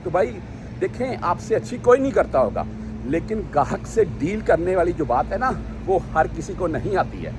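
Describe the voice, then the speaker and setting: A man with a high voice narrates a casual vlog outdoors. He retells arguments with lively energy and slides into lecturing. Faint traffic hums in the background. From Pakistan. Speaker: vlogger.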